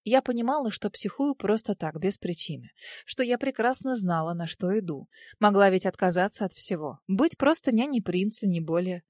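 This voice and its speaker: A woman reading a first-person storybook narration in a lively, emotional way. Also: medium pitch, moderate pace, hardly any pauses, no room sound, studio quality. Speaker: audiobook narrator.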